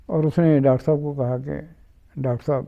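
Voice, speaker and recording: Gravelly man telling stories. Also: a little high, steady tone. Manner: unhurried, quotes others in dialogue. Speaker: interview guest. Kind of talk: storytelling in conversation. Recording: dull lo-fi recording.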